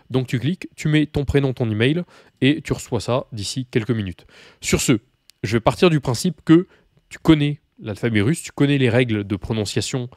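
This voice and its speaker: Guy teaching a language lesson, super casual, lots of euh and restarts, middle pitch, dry close sound. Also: darkish tone, no room sound. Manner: chatty, many fillers and restarts, addresses viewer informally; reads slowly and clearly for repetition.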